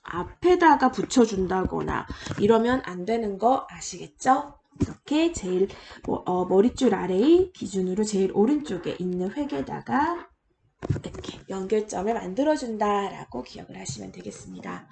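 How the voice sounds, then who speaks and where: Woman lecturer, gravelly voice, patient step-by-step teaching, faint background hiss. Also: mid-range voice, big pitch swings, moderate pace, darkish tone. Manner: patient, explains step by step while drawing letters. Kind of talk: online language lesson.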